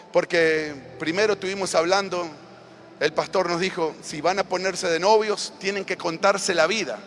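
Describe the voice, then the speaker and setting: A man preaches a fervent sermon, his voice sitting high for a man. He moves between intimate, quiet passages and loud bursts. The recording has long church-hall reverb with faint music underneath. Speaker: pastor. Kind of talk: live sermon.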